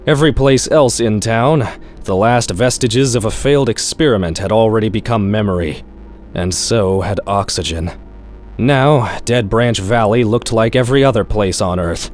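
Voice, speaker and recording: An author-narrator reads his own scripted short story with a wry, sardonic delivery, much like a horror-comedy audiobook. His voice is on the low side at a moderate pace, with faint music playing behind him.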